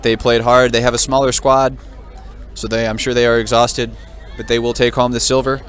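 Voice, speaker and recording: A man's voice: medium pitch, flat delivery, moderate pace, a bit bright, a faint crowd. A man doing live play-by-play commentary, upbeat and full of praise for the players. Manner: upbeat, praising, wraps up the broadcast.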